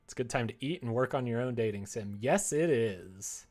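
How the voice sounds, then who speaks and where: A man with a darkish, animated, medium-pitched voice talks at a moderate pace while livestreaming his visual novel work. Browsing casually, he thinks aloud, mutters to himself and drops in playful asides and sound effects.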